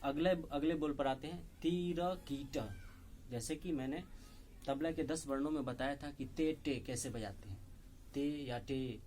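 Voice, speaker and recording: A man teaching tabla step by step, explaining slowly and patiently and saying the drum syllables aloud between strokes. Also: mid-range voice, slight background noise. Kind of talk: step-by-step music lesson. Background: loud tabla playing.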